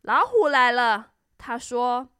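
A woman storyteller reading a children's story in a gentle, expressive way. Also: on the high side, slow pace, smooth, no room sound, studio quality.

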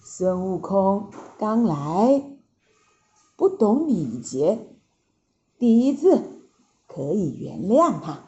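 A woman's voice: medium pitch, very animated, mellow, highs cut off. Woman playing a stately old emperor. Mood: lenient. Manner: slow and measured. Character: stately, lenient old male heavenly emperor.

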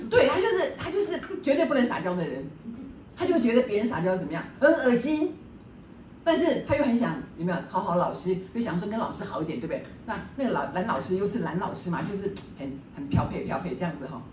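Animated woman teacher in an echoey room. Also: medium pitch, fast, far from the mic, a little hiss or hum. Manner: chatty, keeps asking the class rhetorical check-ins. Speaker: teacher leading a book study class. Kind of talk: lively classroom lecture. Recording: echoey room, voice a bit off-mic.

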